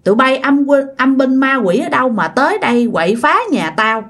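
Woman voicing angry husband, crude ranting, high-pitched, ghost story. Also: lively intonation, normal speed, a bit bright, full character voice. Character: indignant husband cursing unseen spirits.

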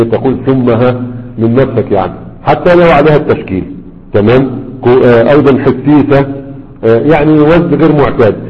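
A man teaching a grammar lesson in a conversational way, repeating words slowly to model how they are pronounced. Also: mid-range voice. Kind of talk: classroom lesson with questions. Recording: dull lo-fi audio with long hall reverb.

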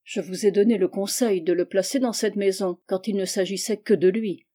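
A woman reading the part of a calm, scheming young man who speaks low and quietly insists. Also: moderate pace, natural voice. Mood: cool.

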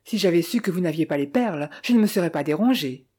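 Kind old society lady, soft polite tone, low mellow voice, woman reading her. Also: expressive, fast talker, slightly rough. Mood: gracious. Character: gracious elderly society lady.

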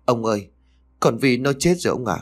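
A man's voice: mid-range voice, expressive, moderate pace, husky. A man voicing a frantic, grieving middle-aged mother who pleads tearfully. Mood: distraught.

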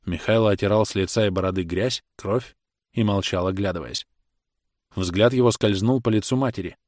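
A man's voice: on the low side, normal speed, darkish tone, dry recording, clean studio sound. Man reading a novel aloud. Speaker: audiobook narrator. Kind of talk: scripted audiobook narration.

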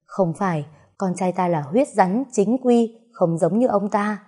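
A woman's voice: mid-range voice, unhurried, warm tone, breathy edge. A woman voicing a commanding, ruthless noblewoman of a snake clan, mother of its prince.

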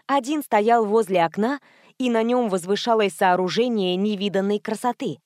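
A woman narrates an audiobook in the first person, her telling wry and lively. Her voice sits at a middle pitch. The recording is dry and close, with no room sound. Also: normal speed, no room sound. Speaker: audiobook reader.

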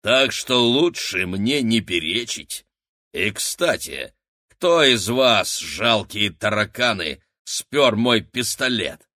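A man voicing a huge, brutish giantess in an audiobook, speaking slowly and threateningly. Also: animated, sharp tone, dry recording, clean studio sound, exaggerated voice. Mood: menacing. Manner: slow, booming, threatening. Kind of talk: audiobook character voice.

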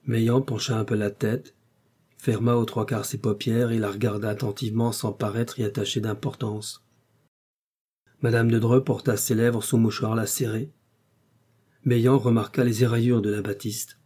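Male audiobook narrator, mellow and breathy, steady storytelling. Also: fairly low pitch, moderate pace. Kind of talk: scripted narration.

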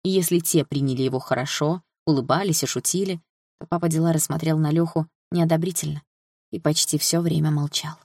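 A man narrating an audiobook in an even storytelling delivery. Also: a little high, a little fast, no room sound, clean studio sound.

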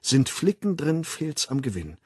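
A young woman friend who chants slogans and breaks into high gushing cries, voiced by a male narrator. Her pitch leaps widely and the voice stays husky. It is a storybook character voice. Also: big pitch swings, unhurried, darkish tone, exaggerated voice. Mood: gloomy.

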